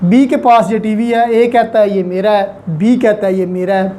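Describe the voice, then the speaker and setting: A female law lecturer with a mid-range, mellow voice speaks at a moderate pace in a steady tone. Her explanatory lecture is in Urdu-Hindi laced with English legal terms, and she teaches didactically, repeating key phrases for emphasis.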